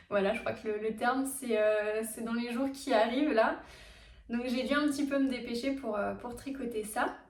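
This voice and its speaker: A knitting podcast host chats casually on her show-and-tell vlog, full of fillers and restarts. Her voice is a little high and sounds distant, with the mic set back in an echoey room.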